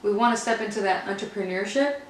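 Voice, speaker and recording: A woman speaks in a casual, candid storytelling way, like a podcast co-host sharing personal experience. Her mid-pitched voice rings in a very echoey room, picked up from a distance with faint noise. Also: quick pace. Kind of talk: casual personal faith conversation.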